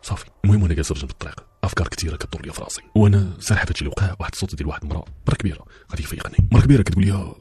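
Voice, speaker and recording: Fast, husky Moroccan storyteller man. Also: low-pitched, mellow. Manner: confiding, addresses listeners directly. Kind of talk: first-person story narration.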